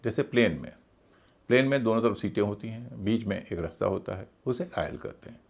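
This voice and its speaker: A man gives a video lesson on English pronunciation. His voice has a gravelly edge and swings widely in pitch. He talks slowly and with care, spelling words out letter by letter. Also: lively intonation.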